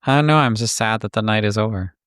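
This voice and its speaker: A man's voice: fairly low pitch, quick pace, a bit bright, smooth, no echo, studio quality. A man chatting casually as a podcast guest. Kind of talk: casual chat.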